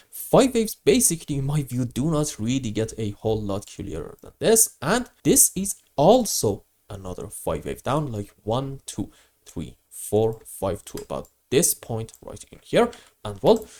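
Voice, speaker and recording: Male market commentator, grating and hoarse with a head cold, very animated pitch, emphatic question-and-answer delivery. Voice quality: grating, rough voice. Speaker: host of crypto market update. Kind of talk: technical chart commentary.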